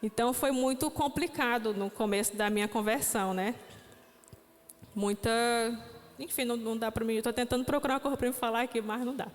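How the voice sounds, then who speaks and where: A woman's voice: fairly high pitch, brisk. Young woman testifying in a reverberant hall. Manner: reflective, frequent "né?" tags. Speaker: youth church speaker. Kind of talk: testimony sermon. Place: church hall. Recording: long church hall reverb.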